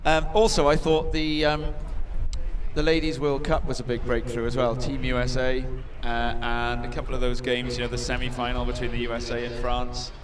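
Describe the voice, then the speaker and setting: A man's voice: mid-range voice, completely flat delivery, moderate pace. A man commentating on a surf contest in an informal, conversational way, switching between chat and live calls. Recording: noisy outdoor commentary with clear background noise.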